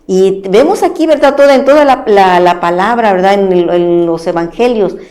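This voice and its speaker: Female preacher at a church program: reads scripture, then explains it in halting phrases that each end in a tag question. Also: medium pitch, warm tone. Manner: repeats a tag question after nearly every phrase; halting, with many restarts. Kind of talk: Bible reading and preaching.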